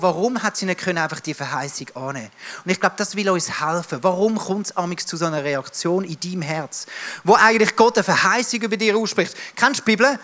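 A man with a Swiss German accent preaches with a high, forceful voice. He speaks directly to his listeners and presses each point with emphasis. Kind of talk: sermon.

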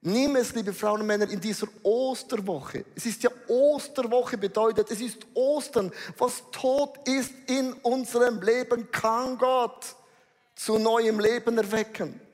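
A man's voice: very high-pitched, unhurried, darkish tone. A man preaching a sermon to a congregation, emphatic and slangy, dropping in English phrases. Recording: reverberant hall.

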